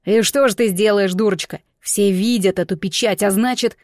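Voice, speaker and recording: A woman's voice: mid-range voice, normal speed, a little mellow, dry recording, close to an everyday voice. Woman doing a smug bossy young guy, mocking and condescending, dry close sound. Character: young man, arrogant smug bullying fiancé. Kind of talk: audiobook character voice.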